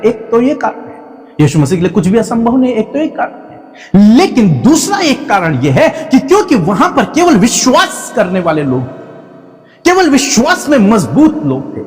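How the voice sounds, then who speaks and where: A man's voice: high-pitched, a little mellow, long reverb tail. A male preacher giving an earnest evening prayer sermon, exhorting his listeners and asking rhetorical questions.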